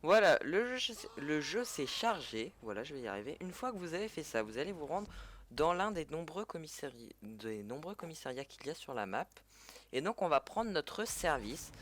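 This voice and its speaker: This gaming tutorial creator, a French-speaking man, chats casually in French through a gameplay tutorial, full of fillers and self-corrections. He speaks at a moderate pace in a fairly high, slightly bright voice with big pitch swings, and there's a little hiss or hum.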